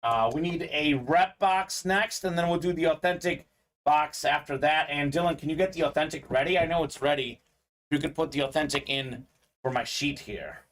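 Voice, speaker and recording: A man's voice: a little high, normal speed, fairly bright tone. A man from Bulgaria hosting a live sports memorabilia break, chatty and upbeat, reading out viewer comments as he goes. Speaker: sports card break host. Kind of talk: live-stream sales patter.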